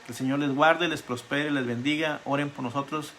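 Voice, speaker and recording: A male pastor giving an online Bible study sermon, telling stories in an animated way and repeating words for emphasis. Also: fairly high pitch, a little fast, a little hiss or hum. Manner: animated storytelling with emphatic repetition.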